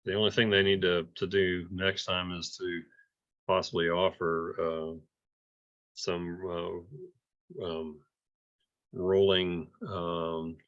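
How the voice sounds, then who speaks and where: An informal amateur radio club report comes from a man whose low voice stays level and sounds fairly bright. He hesitates and halts, repeating words often, and the sound is dull and muffled.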